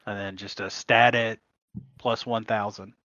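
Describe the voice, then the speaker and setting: A man's voice: fairly low pitch, little pitch movement, a little slow, gravelly, sharp tone, no room sound. A man co-hosting a trading card game podcast, telling stories in casual chat and laughing at his own mishaps. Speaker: podcast co-host. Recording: muffled lo-fi audio.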